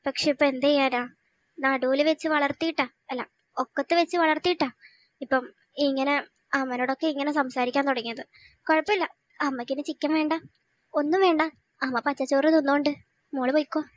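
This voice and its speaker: A tired middle-aged mother grumbles in a soft, complaining tone, played by a young woman. Her voice stays high-pitched even as she guilt-trips her daughter. She sounds worn out and sulky throughout this fan audio drama. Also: brisk, long pauses, lightly acted. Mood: grumbling. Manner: grumbling, guilt-tripping, lower and softer.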